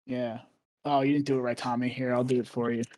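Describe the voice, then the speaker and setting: A man chatting as a podcast guest over a voice call, jokey and excitable, swearing freely. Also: medium pitch, quick pace, no room sound, poor audio. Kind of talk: casual chat. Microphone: computer mic on a voice call.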